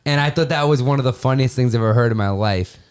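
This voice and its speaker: A man on a podcast in casual chat, telling stories quickly and with animation. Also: medium pitch, clear, resonant tone. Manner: fast, animated storyteller. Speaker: podcast panelist.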